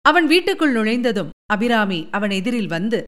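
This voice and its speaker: A woman narrating a novel chapter in a measured storytelling manner. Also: on the high side, very animated, fairly bright tone.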